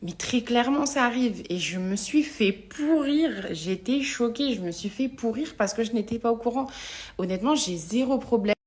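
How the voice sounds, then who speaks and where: Speaking at a moderate pace, this social media vlogger, a young woman with an Algerian family background, has a slightly high, a little mellow voice and an animated manner. She confides in her followers in slangy, emphatic language, repeating words to stress them.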